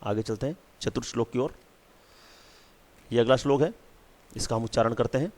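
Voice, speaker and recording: A man's voice: medium pitch, moderate pace, darkish tone. A man teaching a school lesson, repeating key words and checking in with "theek hai" often.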